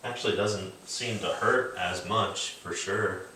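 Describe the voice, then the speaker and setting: A male patient with a very low voice answers questions quietly and hesitantly in a treatment room. The room sounds echoey, and a faint hiss sits beneath him. He often pauses to find the right words. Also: fairly even intonation, recorded from a distance.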